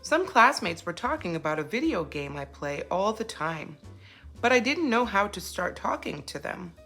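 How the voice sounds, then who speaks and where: A woman's voice: mid-range voice, sing-song, normal speed, sharp tone, soft background music, exaggerated voice. A woman voicing an upset, sensitive young boy zebra in an earnest, plaintive storybook telling. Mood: troubled.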